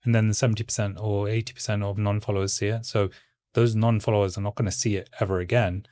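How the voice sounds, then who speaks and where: A man speaking as a guest in a casual interview, with a stoic, calm, monotone delivery. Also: lowish voice, dry recording. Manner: stoic, measured. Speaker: guest, content creator.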